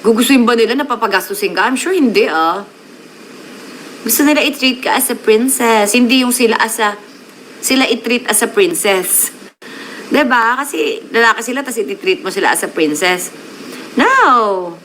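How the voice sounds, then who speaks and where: A woman's voice: a little high, normal speed, fairly bright tone, slight background noise, low-quality recording. A woman hosting a casual live stream, chatting with her viewers and mixing English words into her Tagalog.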